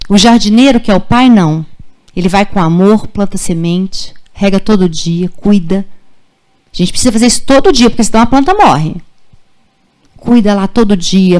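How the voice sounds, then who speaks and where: Woman in her forties, pediatrician speaking to parents in a friendly, conversational way. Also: medium pitch. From Brazil. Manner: warm, conversational, checks in with "tá?" and "gente". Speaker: pediatrician giving a parenting talk. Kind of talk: live lecture to parents. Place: school auditorium.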